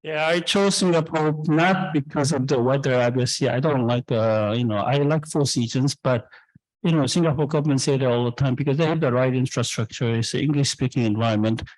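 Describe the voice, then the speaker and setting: A South Korean startup founder and CEO in his fifties answers audience questions on stage at an event, talking candidly and rambling with plenty of fillers and restarts. His voice is mid-range and brisk. The recording has no room sound but is low in quality.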